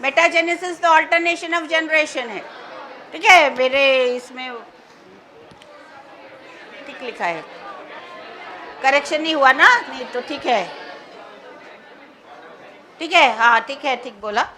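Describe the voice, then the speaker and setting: A woman teaching biology, going through exam answers in mixed Hindi and English and slowing down to dictate key terms. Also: high-pitched, sharp tone, a faint crowd. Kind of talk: exam answer walkthrough lesson.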